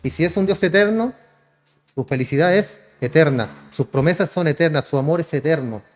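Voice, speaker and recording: A man's voice: a little high, expressive, moderate pace. A man, a pastor preaching a sermon, often calling listeners "hermano" and answering his own questions. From Chile. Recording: church hall reverb.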